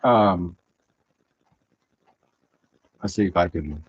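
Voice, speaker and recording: A man with a Southern accent chatting casually while streaming, rambling and halting with lots of fillers, on a headset mic. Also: low voice, husky, dry recording, highs cut off. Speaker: streamer building Lego. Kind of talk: casual live-stream chat.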